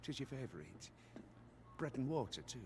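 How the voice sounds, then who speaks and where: A man's voice: medium pitch, big pitch swings, normal speed. A man playing a pious, solicitous clergyman in a video game, formal and reverent, in distant audio with background noise. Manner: formal, old-fashioned, reverent.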